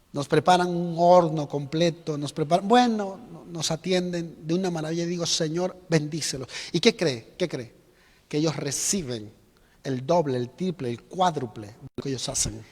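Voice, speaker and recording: A man preaching a sermon as pastor, animated and emphatic, acting out quotes and repeating phrases. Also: fairly high pitch. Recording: long reverb of a church hall.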